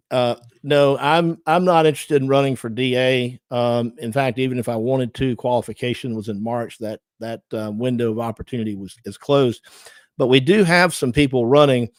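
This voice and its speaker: A man's voice: mid-range voice, darkish tone, no room sound, studio quality. A middle-aged man with a Southern Georgia accent hosts a casual livestream, chatting with viewers, thanking them and using many fillers. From Georgia, USA. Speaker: livestream host and lawyer.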